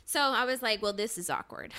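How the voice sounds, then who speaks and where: A woman podcast co-host telling a personal story in casual conversation, full of "like" fillers and quick laughs. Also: fairly high pitch, sharp tone. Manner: chatty, many "like" fillers, laughs between phrases.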